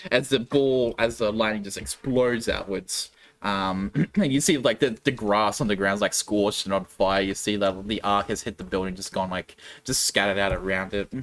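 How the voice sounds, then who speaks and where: A man's voice: on the low side, fairly even intonation, moderate pace, fairly bright tone, a little hiss or hum, poor audio. A man narrating a tabletop game as game master, laughing often and loose with his fillers.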